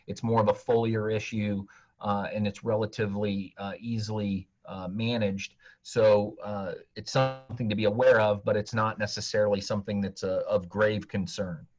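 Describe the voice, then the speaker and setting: A man presenting plant disease research in a webinar, speaking slowly and haltingly with many hesitations. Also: fairly low pitch, little pitch movement. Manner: slow, halting, many "uh" fillers. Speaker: turfgrass pathology researcher. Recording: dull lo-fi audio.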